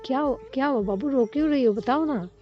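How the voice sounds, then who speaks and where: A woman's voice: fairly high pitch, normal speed, muffled recording, faint music behind, natural voice. A woman voicing a caring, protective young woman who speaks in a tender, worried, coaxing way.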